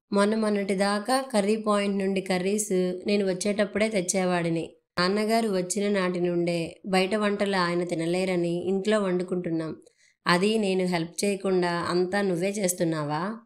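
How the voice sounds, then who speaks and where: Woman reading a sharp-tongued, irritable young husband for an audio story. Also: medium pitch, close to an everyday voice. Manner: sharp, reproachful delivery.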